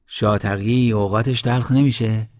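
A man's voice: fairly low pitch, fairly even intonation, darkish tone, lightly acted. A man voicing an eager young village man, the neighbor's son, in a storybook reading. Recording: long hall reverb.

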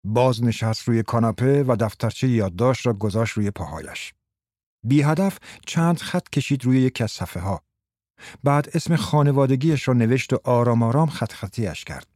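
A man reading a story aloud in a steady, measured narration. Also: medium pitch, no room sound, studio quality. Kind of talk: scripted audiobook narration.

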